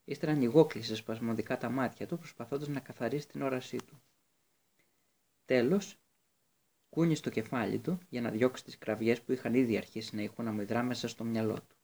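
A man narrating a story as an audiobook, at a middling pitch for a man. He reads steadily, now and then stumbling on a word and starting it again. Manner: steady reading with occasional slips and restarts. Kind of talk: audiobook reading.

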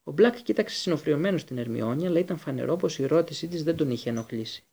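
Husky, mellow male storybook narrator. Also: a little high, animated. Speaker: audiobook narrator.

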